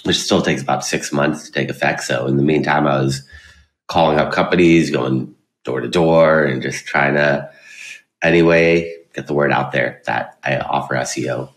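Male podcast guest, bass-deep pitch, plain conversational answers, noticeably roomy recording. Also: fairly even intonation, normal speed. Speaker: podcast guest, digital marketing expert. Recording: roomy, echoey sound.

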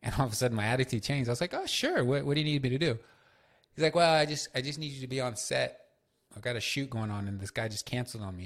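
Male podcast host, solo storytelling, casual and profane, somewhat low pitch. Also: gravelly. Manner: loose, profane storytelling with many fillers.

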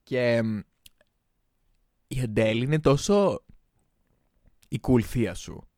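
A young Greek man co-hosting a casual chat, animated and laughing, slipping playfully into other languages. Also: mid-range voice, no echo, clean studio sound. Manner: animated, laughing, jumps into playful English and Spanish.

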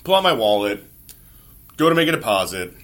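A man hosts a podcast and tells casual comedy stories about his own awkward moments. His voice is bright and forward, and he swears freely in a wry, self-mocking way. He keeps the delivery loose and conversational. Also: medium pitch, very animated, a little fast. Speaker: podcast host.

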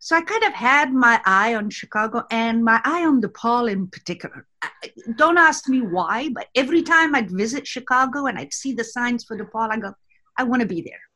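Woman, 60s, from Egypt, podcast guest, conversational, slightly high voice. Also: expressive, brisk, bright, forceful tone. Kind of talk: podcast interview, personal story.

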